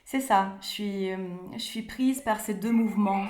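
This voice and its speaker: This Italian-born playwright, whose native tongue is Italian, is a guest in a conversational interview held in French. Her voice sits in the mid range and moves at an ordinary pace, hesitant, with repeated words and soft laughter, while the recording carries a roomy echo.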